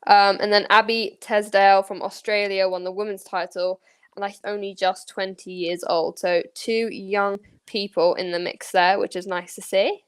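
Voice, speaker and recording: A woman co-hosts a golf podcast in easy, upbeat chat. She talks with enthusiasm and drops in plenty of casual fillers. Her voice sits at an ordinary pitch. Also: fairly even intonation, moderate pace, smooth. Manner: enthusiastic, uses "like" a lot. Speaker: podcast co-host.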